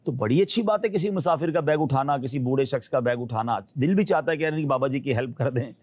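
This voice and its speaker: A man's voice: medium pitch, a little mellow, no room sound. A man being interviewed, giving earnest, cautionary advice and acting out the people he quotes. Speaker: guest advising pilgrims. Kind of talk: advisory interview talk.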